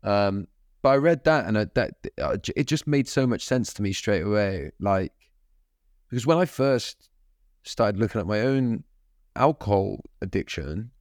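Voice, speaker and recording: A man's voice: on the low side, lively intonation, normal speed, darkish tone, no room sound, clean studio sound. A man hosting a podcast, chatting casually and easily with plenty of fillers. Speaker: podcast host. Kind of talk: casual chat.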